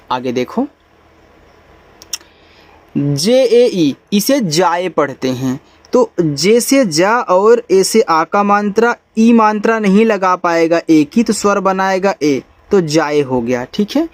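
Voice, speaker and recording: A man's voice: sits high, no room sound. A man teaching beginners English spelling, patiently spelling out letters one by one and repeating himself.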